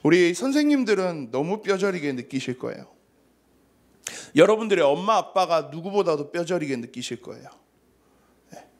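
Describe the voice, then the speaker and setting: A man's voice: on the high side, big pitch swings, moderate pace, pauses often. Storytelling man preaching to teens. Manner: casual storytelling with acted quotes. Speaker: youth pastor. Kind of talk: sermon to teenagers.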